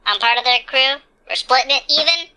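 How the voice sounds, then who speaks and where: A woman's voice: sits high, clean tone. Woman doing a brash bragging mercenary boss. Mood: boastful. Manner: bragging, rapid and excitable.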